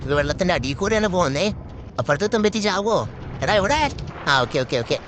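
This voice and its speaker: A man giving live gameplay commentary as a gaming host, excitable and repeating words in quick bursts. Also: sits high, background noise.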